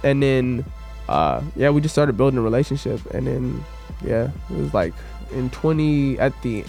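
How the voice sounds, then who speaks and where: A man's voice: medium pitch, lively intonation, normal speed, vocal fry, a little mellow. A young man with a mid-range voice, telling his story in a loose, casual way. He pokes fun at himself as he goes. Faint music sits behind him. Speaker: musician guest. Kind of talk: casual chat.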